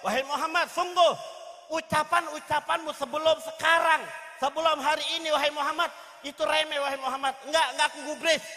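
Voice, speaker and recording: A preacher acting out a furious accuser. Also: male voice, sits high, moderate pace, hardly any pauses. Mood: furious accusing. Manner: shouting, accusing, mocking. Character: scornful older Meccan man denouncing a liar. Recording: reverberant hall sound.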